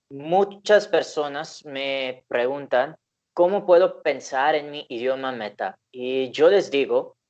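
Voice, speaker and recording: A man with an Indian accent hosting a casual interview and asking measured, careful questions. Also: on the high side. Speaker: interviewer, channel host. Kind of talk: casual interview over a call.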